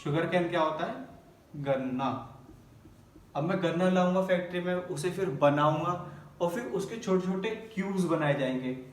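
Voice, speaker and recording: A man's voice: high voice, moderate pace, distant mic, slight background noise. A male teacher explaining accounting terms in a lesson at a board, often putting a question to the class and answering it himself. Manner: asks and answers his own questions; mixes English terms into Hindi. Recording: echoey room, voice from off mic.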